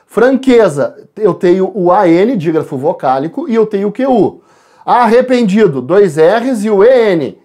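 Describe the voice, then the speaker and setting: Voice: mid-range voice, a little mellow. A Portuguese teacher with a Brazilian accent goes over exam questions for a class, talks to the students directly, and spells out letters and sounds aloud. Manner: shifts between quick asides and slow stressed words. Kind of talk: recorded exam-correction class.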